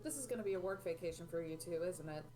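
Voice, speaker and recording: A woman's voice: fairly low pitch, lively intonation, over music, voice pushed down, close to an everyday voice. A woman voicing Layla, a curious, blunt young woman in a tabletop role-play. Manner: inquisitive, quick questions.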